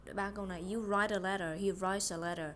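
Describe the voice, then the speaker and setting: A woman teaching English in a casual lesson, explaining words, repeating pronunciations and muttering quiet asides. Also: medium pitch, steady tone, fast talker, noisy background.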